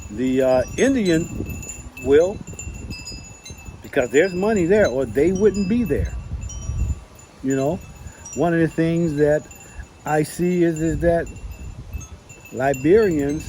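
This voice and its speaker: A man talking casually to camera from his yard, relaxed and folksy, with lots of "you know" fillers. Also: a little high, a little hiss or hum. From United States. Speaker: vlogger.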